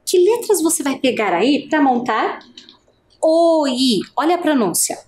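A woman's voice: high-pitched, expressive, a little slow, a little mellow. A woman teacher giving an adult literacy lesson, speaking patiently and stretching out each vowel sound.

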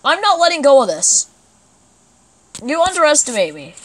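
A woman giving let's play commentary as she plays, excitable and breaking into sudden exclamations. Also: sits high, moderate pace. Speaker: gamer.

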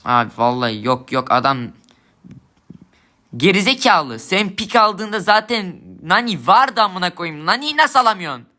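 A man's voice: high-pitched, sing-song, normal speed, pushed and bright. A young man giving angry gameplay commentary, swearing and ranting at his teammates in frustration. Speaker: gamer streamer.

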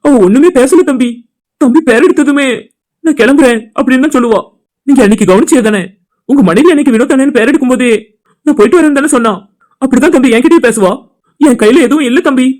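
A man voicing a helpless middle-aged father in a cartoon drama, who speaks softly and with resignation. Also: very high voice, fast. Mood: resigned. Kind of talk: cartoon voice acting.

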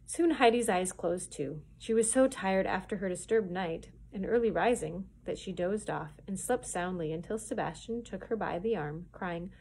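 A woman's voice: on the low side, moderate pace, few pauses. Woman reading a chapter book aloud. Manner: clear, expressive storytelling. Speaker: children's librarian.

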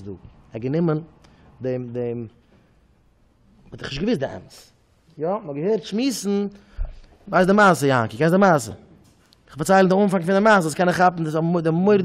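A man, a rabbi, giving an animated religious class to young married men, telling stories and repeating phrases for emphasis. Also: fairly high pitch.

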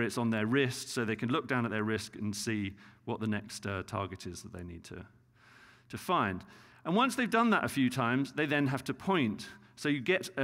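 In a large conference hall with noticeable reverb, a middle-aged British man delivers a keynote lecture. His medium-pitched voice is a bit bright, and he explains results with many fillers and restarts.

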